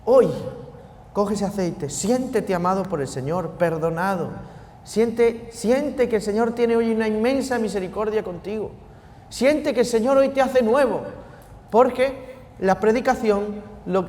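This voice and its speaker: A priest giving an animated sermon that swings between hushed and loud. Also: male voice, high voice, unhurried, big-room sound.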